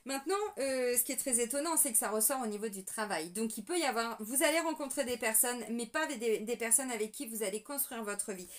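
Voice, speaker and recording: A woman with a slightly high voice talks through a tarot reading in a loose, conversational way. She hesitates often and fills pauses while speaking directly to her viewers. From France. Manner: chatty, hesitant, many fillers, addresses viewers as friends. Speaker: tarot reader. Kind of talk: casual tarot reading to camera.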